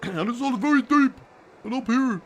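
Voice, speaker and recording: This young British gaming streamer has an extremely high-pitched, expressive voice at a moderate pace, with the highs cut off in the recording. He chats casually, reacts out loud and answers viewers while racing, with clear game engine noise behind.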